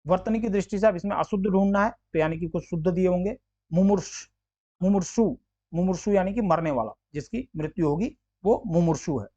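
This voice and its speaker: A male Hindi teacher giving an exam-prep spelling lesson, explaining patiently and repeating words slowly to sound them out. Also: high voice, mellow. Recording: dull lo-fi audio.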